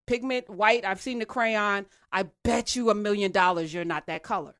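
A woman's voice: mid-range voice, normal speed, fairly bright tone, dry recording, studio quality. An American woman hosting a call-in talk show, speaking in an assertive, challenging, emphatic way. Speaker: talk radio host. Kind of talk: call-in debate.

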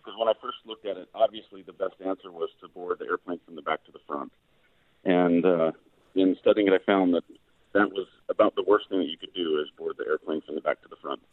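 A man's voice: low-pitched, a little fast, no room sound. A man, a physics professor and guest on a radio show, explains patiently over a phone line that fades in and out, with frequent "um"s.

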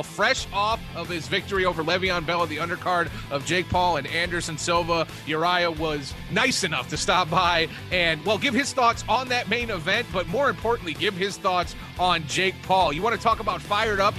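A man hosting a combat sports podcast, delivering an energetic, hyped introduction. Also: high-pitched. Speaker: podcast host. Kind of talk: upbeat show hosting. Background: music.

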